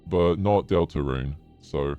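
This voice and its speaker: Possessed-sounding man, extremely deep demonic voice changer. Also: takes it slowly, no echo, narrow, tinny audio, faint music behind. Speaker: streamer. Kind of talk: casual livestream chat.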